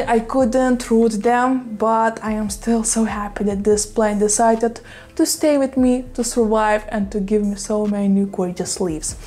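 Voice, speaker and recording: Speaking in a slightly high, darkish voice, this woman from Lithuania vlogs about plants from a plant-filled room at home, her Russian accent strong. Her chat is loose and easygoing, punctuated by frequent laughter and lots of "you know" and "right?".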